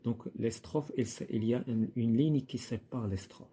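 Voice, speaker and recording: A man's voice: mid-range voice, normal speed, mellow, husky. A man teaching a primary school French lesson, hesitant, with many fillers and repeated words. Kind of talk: recorded lesson walkthrough.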